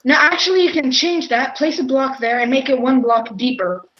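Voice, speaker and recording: A woman casually instructing a friend through a game build, bossy and quick to interrupt with corrections. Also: sits high. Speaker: co-host giving instructions. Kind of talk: casual game tutorial chat. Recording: dull lo-fi audio.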